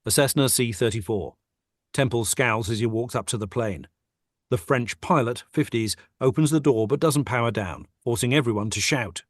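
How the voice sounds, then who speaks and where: A man reads the stage directions of a script in a steady, matter-of-fact way. His pitch is middling and the sound is dry and close, with no room around it. It is a plain table read over a video call. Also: normal speed, no echo.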